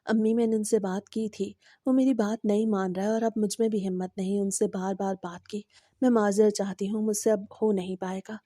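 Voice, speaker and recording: Woman doing a tired young wife, soft and sorry, super mellow dark tone, dry recording. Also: medium pitch, flat delivery, dry recording, lightly acted. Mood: apologetic. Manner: soft, apologetic. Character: tearful worn-out young wife.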